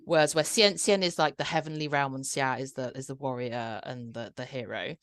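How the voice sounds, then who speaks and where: Low-voiced woman explaining patiently. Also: normal speed, a bit bright, no room sound. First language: Cantonese. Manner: explains step by step, many restarts and "like". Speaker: podcast host. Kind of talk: casual chat.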